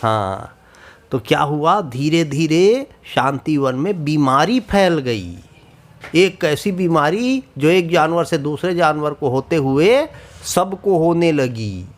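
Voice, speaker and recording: A man narrating a children's cartoon story, often pausing to ask the young listeners questions. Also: a little high, animated. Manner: asks the children questions, sing-song.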